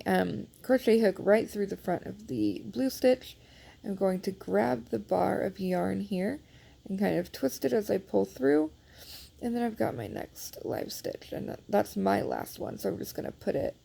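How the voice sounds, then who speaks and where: A knitting instructor demonstrates a knitting repair in a casual how-to, recorded on a phone held nearby. Her medium-pitched voice is dark and slightly rough with vocal fry, and she sounds congested and sniffly. She chats in a self-deprecating, apologetic way, full of fillers.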